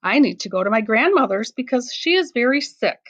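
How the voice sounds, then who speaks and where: A woman's voice: fairly high pitch, big pitch swings, brisk, fairly bright tone, muffled recording, pitched above the performer's own voice. A woman voicing an innocent, wide-eyed little girl in a fairy tale. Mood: dutiful.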